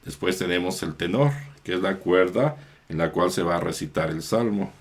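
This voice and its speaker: A low-voiced male priest explains how psalms are chanted, teaching in a slow, measured way and making small self-corrections.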